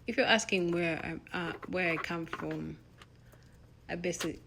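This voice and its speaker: Girl narrating her vlog, low gravelly voice, slow and chatty, bit of hiss behind. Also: fairly even intonation. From Uganda. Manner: chatty, laughs, frequent restarts. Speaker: vlogger. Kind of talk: casual voice-over narration.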